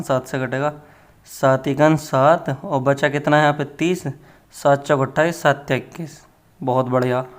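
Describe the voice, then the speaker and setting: A young man teaching maths with a playful, chatty delivery that slips in teasing asides. His voice sits a little high for a man. He works through the problems in a relaxed classroom manner. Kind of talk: casual maths lesson.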